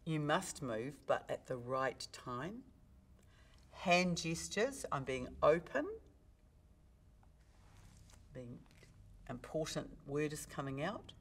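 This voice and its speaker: A woman's voice: slow, pauses often. A woman speaking coach, explaining technique in a podcast interview and acting out her examples. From New Zealand. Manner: expressive, demonstrates pitch with big vocal swings.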